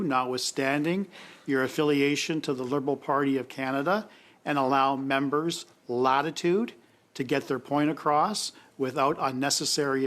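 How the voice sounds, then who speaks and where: A man's voice: medium pitch, fairly bright tone. A man member of parliament addressing the committee chair formally and firmly. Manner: formal, firm, measured. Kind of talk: committee debate.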